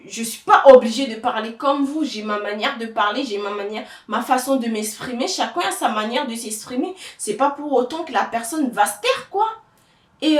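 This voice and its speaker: Young woman from togo vlogging, lots of uhs and restarts, kinda distant from the mic, echoey room. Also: on the high side. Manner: halting, many fillers and restarts. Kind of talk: casual storytelling to camera.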